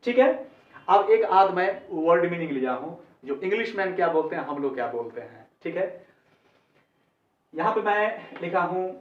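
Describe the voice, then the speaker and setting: Hindi-speaking man teaching pronunciation, high voice. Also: lively intonation, moderate pace. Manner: explains patiently, repeats words and checks understanding. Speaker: English teacher. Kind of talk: spoken pronunciation lesson. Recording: roomy, distant and muffled.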